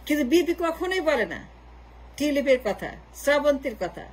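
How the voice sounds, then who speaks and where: Insistent high-voiced woman commentator. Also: big pitch swings, brisk, low-quality recording. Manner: insistent, repetitive, mixes in English. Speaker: political commentator. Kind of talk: opinion monologue.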